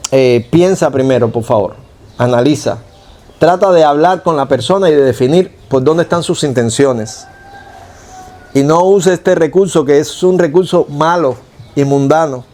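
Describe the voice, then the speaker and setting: A man with a Cuban accent delivers a sermon to his congregation in a fairly high voice. He teaches in a conversational way, tosses in rhetorical questions and stops to correct his own wording. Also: darkish tone. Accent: Cuban Spanish. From Cuba. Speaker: pastor.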